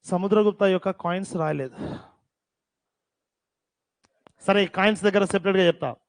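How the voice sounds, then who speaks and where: A man teaching a class, dictating terms slowly and repeating them, with teasing scolds, in a classroom. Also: high voice, dry recording.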